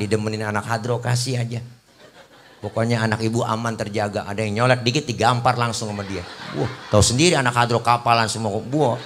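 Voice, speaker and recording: A man's voice: lowish voice, a little hiss or hum. Joking male preacher. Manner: lively joking preacher who sings religious chants. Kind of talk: humorous sermon.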